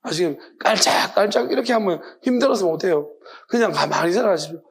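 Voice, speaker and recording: A man's voice: high voice, animated, fast talker. A male pastor with a Gyeongsang accent preaching a sermon, firing off rhetorical questions with emphasis.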